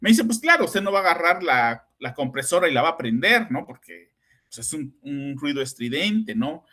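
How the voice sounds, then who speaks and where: This middle-aged Mexican podcast host, a psychoanalyst, chats through anecdotes in a Mexican Spanish accent, often tagging questions onto the ends of his sentences. His voice is on the high side and sharp in tone, with big pitch swings, at a normal speed.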